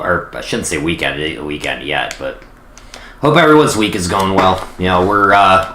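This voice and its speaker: A man's voice: low-pitched, pushed and bright, reverberant, a little hiss or hum. A young man casually commentating his gameplay on stream, rambling and self-deprecating. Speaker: gaming streamer.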